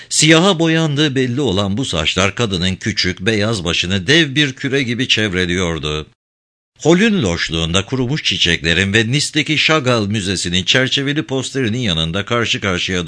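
A man reading a crime novel aloud as the narrator, in an expressive storytelling manner. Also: lowish voice, moderate pace. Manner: expressive reading with voiced dialogue. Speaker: audiobook narrator. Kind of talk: scripted narration.

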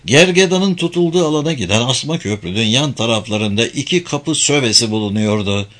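A man's voice: mid-range voice, animated, fairly quick, fairly bright tone. Man narrating an audiobook.

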